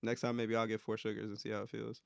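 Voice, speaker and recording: A man's voice: lowish voice, little pitch movement, quick pace, creaky, no room sound. A young man hosting a casual interview, easygoing and reflective, laughing often as he asks questions. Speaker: interviewer, host.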